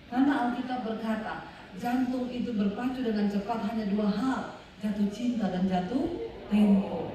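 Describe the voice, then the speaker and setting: A woman pastor preaching an animated sermon, telling stories and calling out to the congregation. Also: sits high, background noise. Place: large revival hall. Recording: echoey hall, mic at a distance.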